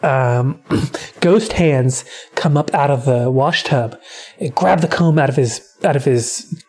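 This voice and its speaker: Low-pitched, unhurried woman. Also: darkish tone, breathy edge. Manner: rambling, swears casually, lots of fillers. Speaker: podcast co-host. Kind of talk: casual recap of a film.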